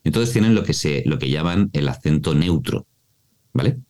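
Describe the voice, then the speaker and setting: A man from Mallorca with a Spanish accent from Spain, a voice-over artist and coach explaining things expressively in a podcast interview, often checking in with a quick "¿vale?". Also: rumbling low, lively intonation, warm tone. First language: Mallorcan Catalan alongside Spanish.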